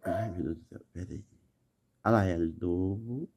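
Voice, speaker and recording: A man's voice: low voice, unhurried, background noise. A man with a Mineiro accent, filming the night sky outdoors on a phone resting on a wall, insistently talking to viewers as he films. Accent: Mineiro Brazilian Portuguese. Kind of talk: casual narration while filming. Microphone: phone camera resting on a wall.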